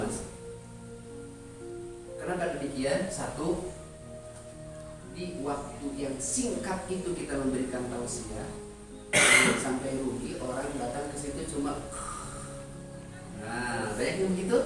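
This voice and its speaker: A man teaching trainees how to preach, talking emphatically and addressing them directly. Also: high-pitched. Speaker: Islamic preacher teaching sermon delivery. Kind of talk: instructional talk to trainees. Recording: echoey room, distant mic, music behind.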